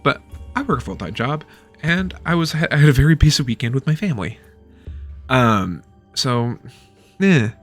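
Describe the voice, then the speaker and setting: Man in his thirties, casual book review, rambling and sweary, mid-pitched voice, soft music underneath. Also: lively intonation, normal speed, long pauses. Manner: rambling, loose, with frequent swearing.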